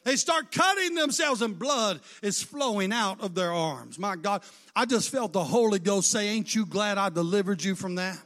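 A male preacher with a strikingly high voice for a man delivers a fervent sermon. He retells a scripture story through dialogue, and his delivery lifts into a chanted, sing-song cadence before breaking into shouts at its peaks. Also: animated, moderate pace.

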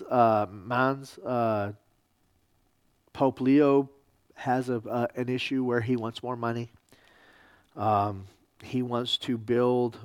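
A man, a pastor teaching a church history class, lecturing casually with halting ums and wry, sarcastic asides. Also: medium pitch, no room sound, studio quality.

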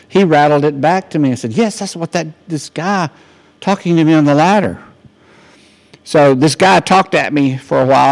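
An older man preaches in a loose, storytelling way. He often restarts his sentences, and his voice has a gravelly, creaky edge. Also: mid-range voice, darkish tone. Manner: rambling, anecdotal, many restarts. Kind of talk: informal sermon.

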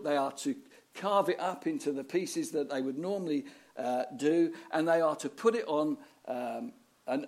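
A man's voice: on the high side, a little mellow. Man preaching a sermon. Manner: storytelling, rhetorical questions, dramatic reading of scripture.

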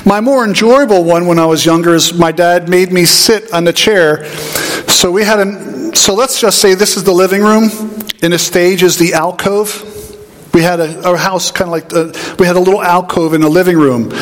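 High-voiced man preaching in a reverberant hall. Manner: animated storytelling, acts out voices in anecdotes. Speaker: pastor. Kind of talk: sermon.

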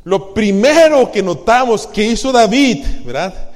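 A middle-aged man preaching as a pastor, swinging between hushed, confessional passages and loud, emphatic ones, often asking his congregation questions. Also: sits high, lively intonation, measured pace. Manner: asks the congregation rhetorical questions. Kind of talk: sermon. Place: church hall. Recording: long reverb in a church hall.

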